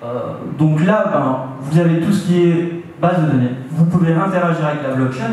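A man's voice: fairly high pitch, normal speed, darkish tone. A young man giving a talk at a meetup into a handheld microphone, hesitant with many fillers and restarts. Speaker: meetup speaker. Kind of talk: presentation talk. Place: meeting room with audience. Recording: echoey room, from far off.

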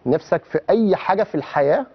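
Fast-talking Egyptian man teaching kids. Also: high-pitched, lively intonation, slightly rough, dull audio. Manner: questioning, coaxing the children. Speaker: religious teacher for children. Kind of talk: teaching children how to pray.

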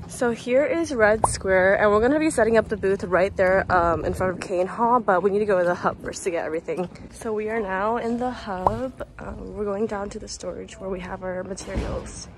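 A woman's voice: mid-range voice, normal speed. Young woman, bubbly sorority-girl manner, casual vlog chat, phone at arm's length, faint ambient noise. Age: young adult. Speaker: college student vlogger, sorority rush chair. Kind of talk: casual vlog narration to camera. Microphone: phone or camera at arm's length. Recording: noisy handheld vlog, room and street ambience.

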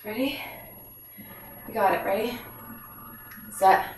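A woman's voice: medium pitch, slow. A middle-aged woman coaching like an aerobics instructor, counting out exercises and giving encouragement while working out herself. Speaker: fitness instructor leading a home workout. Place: small home workout room, indoors. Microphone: camera several feet away. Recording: roomy echo, distant mic, background noise.

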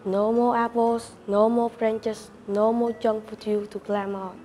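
A woman's voice: a little high, little pitch movement, unhurried, faint music behind, natural voice. A woman voicing a sorrowful old apple tree. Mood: penitent. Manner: soft, apologetic.

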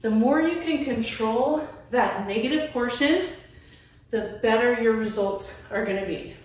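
A woman trainer leads a home workout, cheering the viewer on as she moves through each exercise. She speaks slowly in a slightly high voice. She stands well away from the camera in a small, very echoey room. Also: darkish tone. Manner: encouraging, coaching while moving. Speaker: fitness trainer. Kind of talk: workout instruction. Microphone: camera at a distance. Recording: very echoey room, far from mic.

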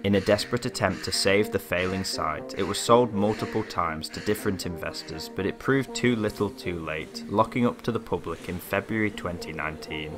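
A man reading a scripted documentary voice-over with a measured, even delivery. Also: low voice. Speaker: narrator. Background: background music.

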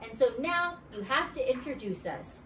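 A woman voicing an eager, excitable little girl classmate who calls out breathlessly. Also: high-pitched, moderate pace, far from the mic, slight background noise, voice pushed up. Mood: excited. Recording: roomy, away from the mic.

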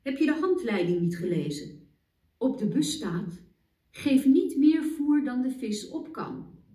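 A woman's voice: a little high, lively intonation, unhurried, mellow, pitched above the performer's own voice. A woman voicing a stern, fussy female hare in a children's story, scolding and indignant, recorded as echoey playback from far off.

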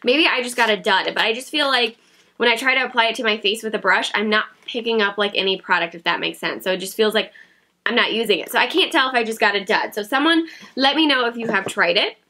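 Talking fast to camera in a casual haul video, a beauty vlogger in her thirties giggles, chats, and pokes fun at herself in her home beauty room. A cold gives her somewhat high, bright voice a slightly nasal, stuffy sound.

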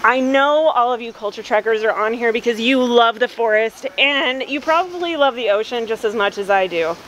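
A woman's voice: on the high side, moderate pace, a little hiss or hum. Bubbly woman vlogger chatting outdoors. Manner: bubbly, excitable, laughs often. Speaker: travel vlogger and interviewer. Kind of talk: enthusiastic travel vlog and interview. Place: outdoors on a sailing ship's deck and inn garden.

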